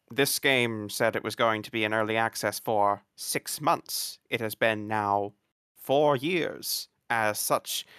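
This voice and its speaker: A man's voice: mid-range voice, a bit bright, smooth, no echo, studio quality, natural voice. A man putting on a formal newscaster voice for a mock announcement. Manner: stiff, official tone. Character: formal male news announcer, stiff.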